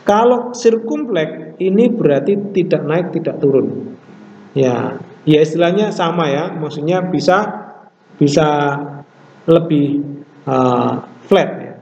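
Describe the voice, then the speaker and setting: A man teaching a classroom language lesson, explaining step by step and repeating words slowly to model pronunciation. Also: a little high, expressive, vocal fry, darkish tone. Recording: echoey room, distant mic, dull lo-fi sound.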